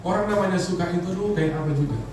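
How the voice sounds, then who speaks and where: A man's voice: high voice, rapid-fire. A pastor in his fifties from Indonesia, preaching a sermon with humor and calling on the congregation to answer him. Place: large church hall. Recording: echoey hall, distant mic, background noise.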